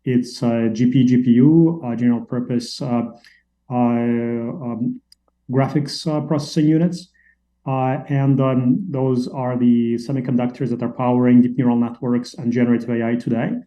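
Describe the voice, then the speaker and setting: A man from Latvia, a company CEO, answering interview questions at length with many fillers and pauses. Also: mid-range voice, steady tone, dark tone, low-quality recording. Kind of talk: interview conversation.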